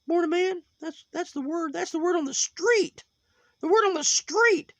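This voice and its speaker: Squeaky gravelly sock puppet, preachy and judgy, rambling lectures. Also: male voice, normal speed, fairly bright tone, dry recording. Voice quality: high put-on voice.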